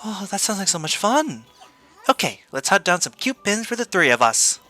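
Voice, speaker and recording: Streamer doing a perky trendy schoolgirl for a game story; bright and bouncy. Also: mid-range voice, big pitch swings, moderate pace, dry recording, pitched above the performer's own voice. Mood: chirpy. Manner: perky, chirpy and upbeat. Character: bubbly trendy teenage girl. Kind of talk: fan voicing of a game story.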